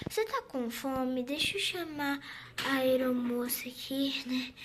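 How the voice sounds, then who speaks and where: A woman's voice: high-pitched, unhurried, very noisy. A young woman voicing a tired mother on a flight with a crying baby, sighing and weary. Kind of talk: game role-play voiced over.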